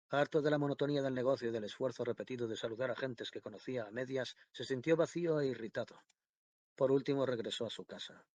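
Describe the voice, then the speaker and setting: A man narrating a classic novel in a measured, even audiobook reading. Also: medium pitch, dry recording, lo-fi sound. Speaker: audiobook reader. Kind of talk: scripted literary narration.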